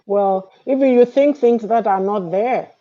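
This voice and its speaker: A woman in a casual book discussion who gently explains her point with everyday examples. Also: mid-range voice, measured pace. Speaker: book club member. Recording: dull, dry lo-fi sound.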